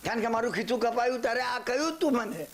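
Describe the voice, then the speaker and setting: High-voiced older man preaching emphatically. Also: animated, fast talker. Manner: emphatic, swings between low and high exclamations, asks the audience questions. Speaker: Jain religious speaker. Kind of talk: sermon.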